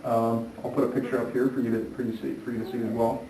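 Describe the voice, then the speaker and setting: A man's voice: mid-range voice, flat delivery, very fast, a crowd in the background. A man hosting a casual travel vlog, talking hesitantly with many fillers and restarts. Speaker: vlog host. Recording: echoey room, distant mic, faint noise.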